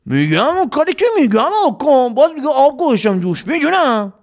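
A man's voice: very high-pitched, sing-song, exaggerated voice. A man voicing a bossy bandit leader who barks orders and scolds impatiently.

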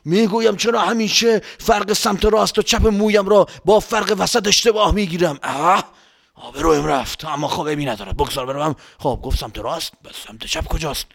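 A bad-tempered, muddled grown man on a journey, put on by a male storyteller. The voice sits high and sounds bright and gravelly, swooping all over as he scolds and grumbles. It is recorded close and dry. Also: no room sound, exaggerated voice. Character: hot-tempered, rude grown man traveler, muddled and boastful. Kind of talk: storybook character voice.

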